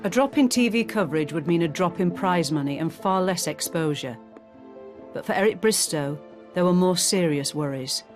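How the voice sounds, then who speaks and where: A woman's voice: on the low side, animated, normal speed. Woman narrating a documentary over music. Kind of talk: scripted narration.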